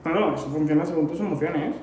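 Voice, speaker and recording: Spanish guy co-hosting a podcast, kinda high mellow voice, rambles explaining stuff, really echoey room. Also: fast talker, recorded from a distance, a little hiss or hum. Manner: explains gadgets at length, searching for words. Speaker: podcast co-host. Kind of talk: casual chat.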